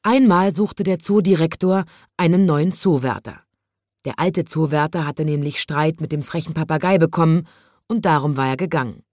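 Woman narrator for a children's story, slow and clear, low voice, very dry close sound. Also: a little mellow, no echo.

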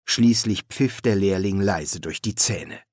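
A man reading an audiobook in a measured, expressive way. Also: low-pitched, husky, no echo, clean studio sound. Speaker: narrator. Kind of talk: audiobook narration.

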